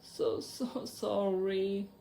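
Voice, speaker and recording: A woman with a Japanese accent voicing a big, tearful, soft-hearted half-giant man in a storybook reading, speaking in halting, sobbing phrases. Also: mid-range voice, a little hiss or hum, lightly acted.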